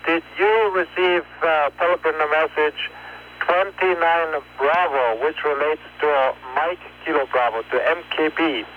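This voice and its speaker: Guy on mission control radio, kinda high voice, slow n halting, tinny w faint noise. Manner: halting, procedural, step-by-step dictation. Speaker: ground controller relaying message updates. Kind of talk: space mission radio exchange. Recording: tinny narrowband space radio, hum, noise.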